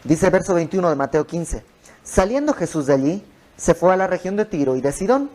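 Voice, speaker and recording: A man's voice: high voice, expressive, brisk, a little mellow. A man teaching an informal Bible study in a home, explaining verse by verse with conversational asides. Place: a private home.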